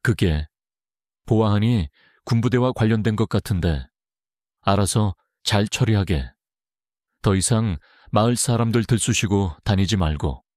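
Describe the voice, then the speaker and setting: A man voicing an old village chief who speaks in a low, guarded, warning tone. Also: unhurried, darkish tone, dry recording, clean studio sound, natural voice. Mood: cold warning.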